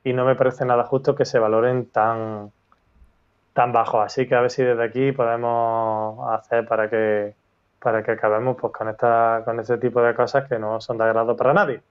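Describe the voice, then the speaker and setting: Animated man telling a story, dull audio. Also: mid-range voice, moderate pace, clear, resonant tone. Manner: animated storyteller, acts out quoted dialogue. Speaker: interview guest, teacher. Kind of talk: casual conversational storytelling.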